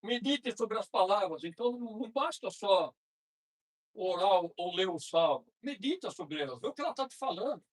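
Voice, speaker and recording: A middle-aged Brazilian man lecturing at a spiritist center in a conversational way, slowing down to read prayers aloud. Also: high-pitched, lively intonation, breathy edge, poor audio. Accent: Brazilian Portuguese. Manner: conversational, frequent tag questions, slows to read prayers. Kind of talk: informal spiritist talk.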